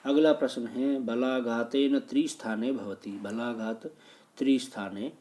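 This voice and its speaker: Male teacher, mid-pitched, warm low-toned voice, methodical question-by-question exam walkthrough. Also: steady tone, unhurried, a little hiss or hum. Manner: reads a question, then repeats and explains it.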